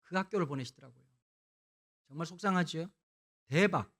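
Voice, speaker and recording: A middle-aged man from Busan, preaching a lively revival sermon with humorous storytelling, swinging between hushed and loud. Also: fairly high pitch, normal speed. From Busan, South Korea. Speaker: guest pastor.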